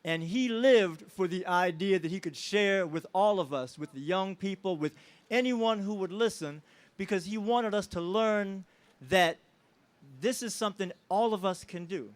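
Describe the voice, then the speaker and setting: High-voiced man giving an emotional tribute. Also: normal speed. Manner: emotional, preacher-like call-and-response with the crowd. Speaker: family member giving a tribute speech. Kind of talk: public speech at an outdoor celebration. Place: outdoors at a street celebration.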